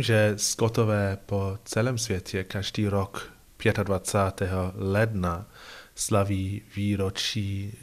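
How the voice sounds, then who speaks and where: Lowish-voiced male interviewer with English accent. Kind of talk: measured interview questions.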